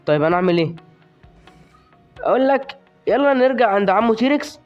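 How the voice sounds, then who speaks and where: A man's voice: high voice, expressive, a little fast, lo-fi sound, faint music behind. A young man with an Egyptian Arabic accent giving live commentary on his game, joking and exasperated with his opponents. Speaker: gaming YouTuber.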